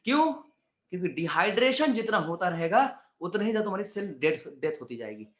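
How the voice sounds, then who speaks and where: This exam-prep teacher has a high, fairly bright voice with big pitch swings and a brisk pace. He's casual and chatty, calling students "beta" and cracking jokes and asides, all captured in an echoey room with slightly dull sound.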